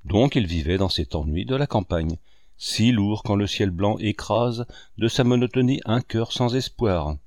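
Man reading a novel, fairly low voice. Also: no echo, clean studio sound. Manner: measured, expressive reading with wide rises and falls. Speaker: audiobook narrator. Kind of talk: literary audiobook narration.

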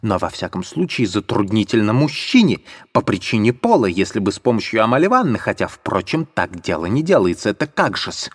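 A man voicing a fussy, evasive gentleman in an audiobook, mumbling and stammering in prim, hesitant phrases. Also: lowish voice, big pitch swings, brisk, few pauses, breathy edge. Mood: flustered. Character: fussy, evasive middle-aged gentleman, muttering. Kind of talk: audiobook character voice.

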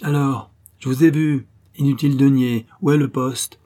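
A man's voice: medium pitch, fairly even intonation, moderate pace, pitched above the performer's own voice, lightly acted. A man voicing a brutal Nazi sergeant in an audiobook, barking questions in a raised, harsh voice. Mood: furious. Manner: barking, shouting interrogation.

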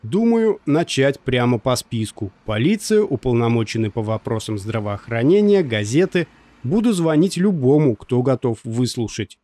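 Figure: tense determined male doctor, read by a male narrator. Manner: urgent, clipped. Pitch: middle. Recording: dry, close. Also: sing-song, moderate pace, warm tone, no room sound, lightly acted.

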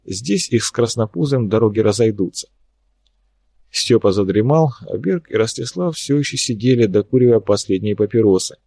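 Dry, even male audiobook narrator. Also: fairly low pitch, moderate pace, vocal fry, no room sound. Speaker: audiobook reader.

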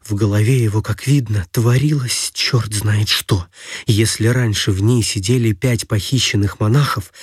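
A man reading an adventure story aloud in a lively storytelling manner. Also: mid-range voice, breathy edge, no room sound, clean studio sound. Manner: lively storytelling, voicing every figure. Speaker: narrator.

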